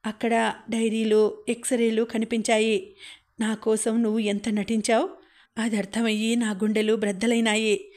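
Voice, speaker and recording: A woman's voice: on the high side, level tone, normal speed, a little mellow, lightly acted. A woman reading the lines of a grieving elderly father in a choked, pleading way.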